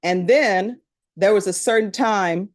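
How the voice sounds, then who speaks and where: With a Louisiana accent and a plain-spoken, chatty style, a middle-aged woman judge speaks to the jury panel at a measured pace. Her voice sits at ordinary pitch, close and dry, in a dry recording.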